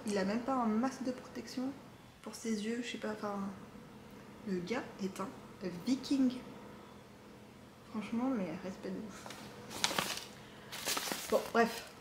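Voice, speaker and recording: A woman's voice: a little high, reverberant, noisy background. A woman vlogging casually about her knitting projects, chatty and full of fillers and restarts. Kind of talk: casual chat to camera. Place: home craft workshop. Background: jackhammer from far off.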